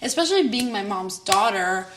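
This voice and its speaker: A woman from Israel speaking reflectively in an interview, at a mid pitch. Her delivery is thoughtful and personal. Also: lively intonation, normal speed, fairly bright tone, slight background noise. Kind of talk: interview answer.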